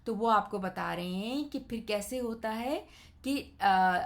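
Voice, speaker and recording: Woman teaching arabic grammar, kinda gravelly voice, patient, goes step by step and keeps checking you got it. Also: medium pitch. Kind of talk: Quran Arabic grammar lesson.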